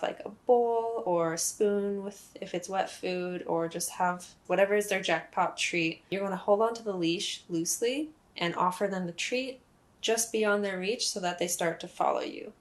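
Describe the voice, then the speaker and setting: A young woman in a casual instructional vlog, explaining pet training in a friendly, chatty way with occasional fillers. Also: on the low side. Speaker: cat owner explaining leash training.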